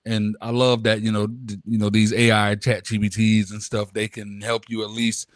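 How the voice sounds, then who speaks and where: A man's voice: on the low side, little pitch movement, moderate pace, no echo. Casual co-host, man in his late 30s, slangy and easygoing, dry close sound. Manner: laid-back slang, says "bro" a lot. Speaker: podcast co-host. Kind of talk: casual chat.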